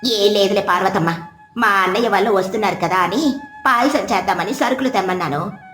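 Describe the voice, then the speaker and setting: A woman's voice: mid-range voice, brisk, natural voice. Woman as a patient, sensible village wife. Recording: roomy with soft background music.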